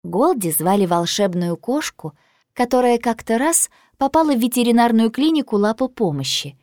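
A woman narrating a children's storybook in a lively, expressive reading. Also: fairly high pitch, normal speed, no echo, clean studio sound. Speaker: audiobook narrator.

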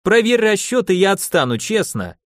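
A man's voice: high voice, big pitch swings, normal speed, no echo, studio quality, voice pushed up. A man voicing a brash, cheeky young man who talks with insolent mockery in an audiobook. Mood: gloating. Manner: insolent, teasing.

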